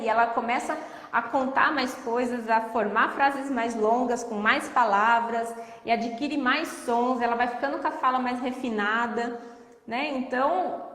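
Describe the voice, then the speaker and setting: Woman, Brazilian accent, speech therapist, animated explainer, echoey room. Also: a little high. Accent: Brazilian Portuguese. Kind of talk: explaining in casual conversation.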